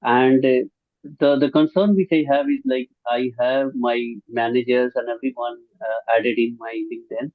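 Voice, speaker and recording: A man asking a question in an online session, hesitant, full of fillers and rushing ahead. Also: medium pitch, steady tone. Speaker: audience member asking a question. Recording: tinny phone-like call line.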